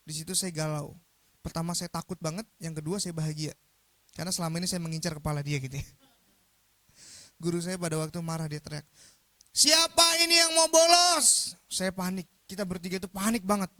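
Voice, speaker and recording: A young man giving a motivational talk, telling a story in an animated, jokey way and often putting questions to his audience. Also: a little high, fast, no echo. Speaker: motivational speaker.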